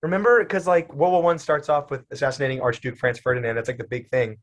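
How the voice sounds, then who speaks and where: A young man talking easily about a film with his friends. His speech is relaxed and loose. He keeps dropping "like" and "dude" into his sentences. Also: medium pitch, fast talker. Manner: laid-back, lots of "like" and "dude". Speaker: podcast guest. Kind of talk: casual movie chat.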